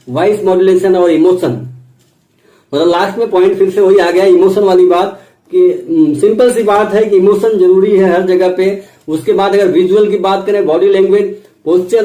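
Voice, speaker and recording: A man giving a spoken lecture on sales technique, going through his points one by one and slowing down for quoted English phrases. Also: high-pitched, dark tone, roomy sound, poor audio. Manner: explains points step by step, mixes in English phrases spoken slowly. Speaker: sales and motivational trainer.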